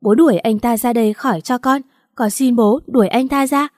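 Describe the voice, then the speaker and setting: A woman reading the lines of a young wife who shouts through tears in an audiobook story. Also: a little high, a little fast, dry recording, clean studio sound, close to an everyday voice. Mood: anguished fury. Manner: shouting, tearful outbursts. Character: young married woman, furious and grief-stricken.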